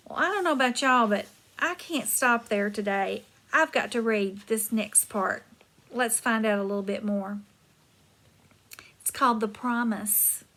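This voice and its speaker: High-voiced teacher reading aloud. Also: female voice. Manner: warm, explains words and checks on listeners. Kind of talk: reading a chapter book aloud to a class.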